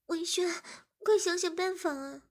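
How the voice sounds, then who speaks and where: A woman voicing a shy, easily flustered young woman who pleads and pouts in a raised voice. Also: a little slow. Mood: flustered pleading. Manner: high, pleading and pouting.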